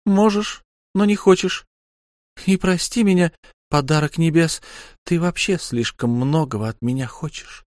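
A man's voice: fairly high pitch, unhurried, a little mellow, dry recording, studio quality, pitched above the performer's own voice, lightly acted. A man putting on a mocking, defiant young wife. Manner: teasing, mocking, raised tone.

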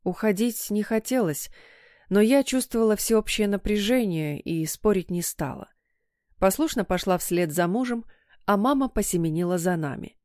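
A woman reads a first-person novel aloud at a middling pitch, steady and measured. The sound is close and dry. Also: dry recording. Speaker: audiobook narrator. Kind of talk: scripted first-person narration.

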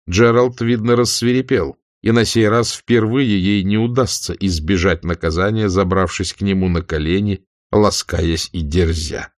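A man reading a novel aloud as an audiobook narrator, with measured, expressive delivery. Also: low voice, dry recording, studio quality.

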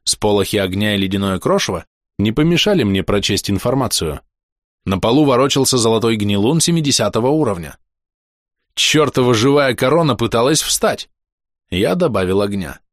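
A man narrating a first-person fantasy action audiobook with brisk, vivid reading. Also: lowish voice, lively intonation, no room sound, clean studio sound.

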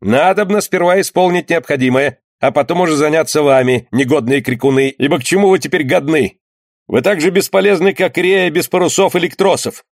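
An overworked ship's surgeon, played by a man snaps and scolds in a raised, gravelly voice. He is brisk and exasperated, pressed from all sides, read close and dry for an audiobook. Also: medium pitch, no room sound, voice pushed up, lightly acted. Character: harried male ship's surgeon and carpenter, gruff.

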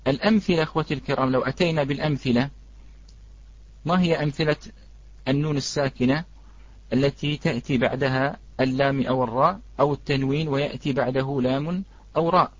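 During a live online recitation lesson, a man greets students in the chat and stretches out each example word slowly. His voice is medium-pitched with fairly even intonation, and the dry recording has its highs cut off.

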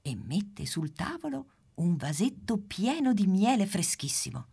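A woman narrating a children's storybook, gentle and expressive. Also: unhurried, creaky, husky. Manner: gentle, expressive, drops low for speech tags.

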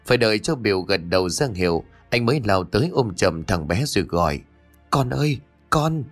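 Low-voiced male audiobook narrator. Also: quick pace. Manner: steady storytelling delivery. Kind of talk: scripted narration. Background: faint background music.

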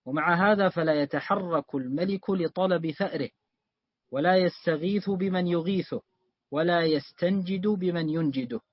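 Male reader, formal and measured; high voice, dry dull recording. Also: no room sound. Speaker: student reading the text aloud. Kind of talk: formal reading aloud of a classical text.

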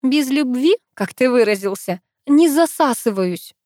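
A woman's voice: sits high, animated, moderate pace, no echo, clean studio sound, voice pushed up. Woman voicing a sassy snappy teen girl. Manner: bright, snappy, mock-stern. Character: sassy teenage girl, quick-tempered, teasing.

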